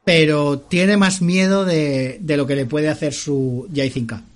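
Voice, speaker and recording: A man running a tabletop game as game master, with a fairly high-pitched voice. He explains rules at length and keeps checking in with his players. Now and then he laughs along with the table. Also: fairly even intonation, unhurried.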